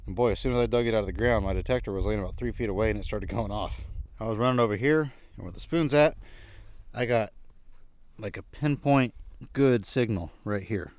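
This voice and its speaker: A man with a fairly low voice talks quickly through a casual outdoor vlog. He is folksy and muses aloud as he works. The sound is dry and close, with no echo. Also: a little mellow. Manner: folksy, thinking aloud, musing. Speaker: vlogger narrating a treasure hunt. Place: outdoors in an old junkyard.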